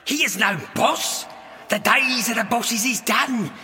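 An actor playing a scheming, pompous little goblin revolutionary in an audio drama. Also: male voice, extremely high pitch, slow, sharp tone, in a large hall, soft background music, heavily acted. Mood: rousing, urgent. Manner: pompous, rabble-rousing oratory.

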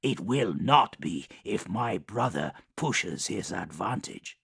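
A man voicing an ancient, menacing male demon lord who speaks in slow, low, measured threats. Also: very animated, vocal fry, fairly bright tone, breathy edge, dry recording, studio quality, heavily acted. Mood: cold, menacing.

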